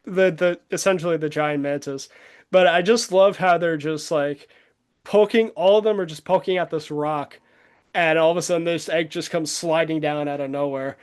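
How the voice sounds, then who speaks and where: A man's voice: a little high, clean tone. A man chatting casually as co-host, rambling with many fillers and frequent laughs. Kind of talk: casual chat.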